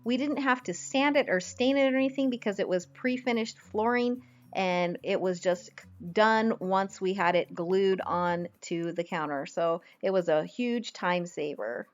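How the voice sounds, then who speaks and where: A woman's voice: mid-range voice, a little slow, hardly any pauses, muffled recording. A woman home vlogger casually narrating a makeover video in a pleased, chatty, step-by-step way. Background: background music.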